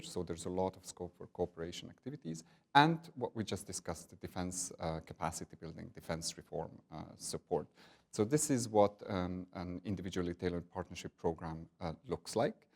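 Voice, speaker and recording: Guy, deep voice, slow diplomatic answers w lots of uhs. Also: darkish tone. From Hungary. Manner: measured, diplomatic, with frequent filler pauses. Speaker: NATO partnerships director, guest. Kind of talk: interview answers.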